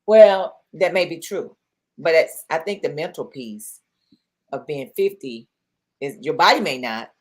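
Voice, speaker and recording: A woman's voice: low-pitched, expressive, unhurried, slightly rough. A middle-aged woman co-hosting a casual talk show, chatty, often repeating herself and pressing with questions. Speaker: podcast co-host. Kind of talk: casual chat.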